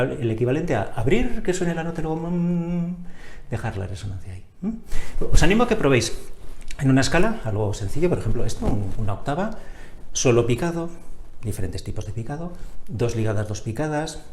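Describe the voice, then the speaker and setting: A man's voice: mid-range voice, a little mellow. A man teaching a wind instrument lesson, explaining articulation and singing syllables like "ta" and "da" to show it, often checking in with a short "mm?". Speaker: music teacher. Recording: roomy echo, faint noise.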